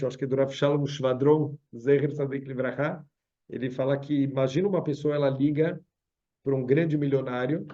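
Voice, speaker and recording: A rabbi gives a religious lesson, telling stories and acting out their people. His voice is a little high for a man, with a mellow, soft tone. The video call audio sounds dull and lo-fi. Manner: storytelling, acts out parables with lively voices. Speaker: rabbi teaching Psalms.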